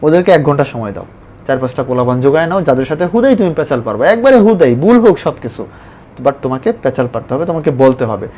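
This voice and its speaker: In an online spoken-English lesson, a man with a fairly high, expressive, slightly mellow voice speaks emphatically and repeats his points. He then slows way down to spell out English examples.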